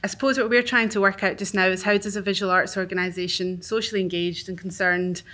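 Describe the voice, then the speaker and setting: A woman with a Glasgow accent reading a prepared statement aloud as a panel speaker from an arts organisation, pacing herself deliberately. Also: medium pitch, steady tone, pushed and bright. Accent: Glaswegian. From Glasgow, Scotland. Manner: deliberately paced for interpreters.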